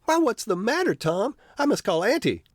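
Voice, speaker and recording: A man's voice: high voice, sing-song, moderate pace, no echo, clean studio sound, pitched above the performer's own voice. A man voicing a worried boy pleading with his sick brother. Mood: anxious. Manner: anxious, pleading.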